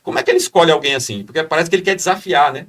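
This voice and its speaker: A man from Brazil gives his conversion testimony on a podcast in a fervent, preacher-like way. He keeps tagging his phrases with a quick question. His voice sits a little distant from the microphone. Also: a little high, fairly bright tone. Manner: fervent, preacher-like, many "né?" tags. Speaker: podcast guest.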